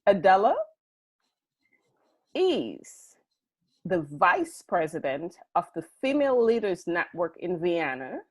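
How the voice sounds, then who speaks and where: A woman's voice: fairly low pitch, very animated, slow pace, long pauses, no echo. Upbeat woman hosting a podcast, dry sound. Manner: enthusiastic and upbeat. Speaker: podcast host. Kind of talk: interview hosting with guest introduction.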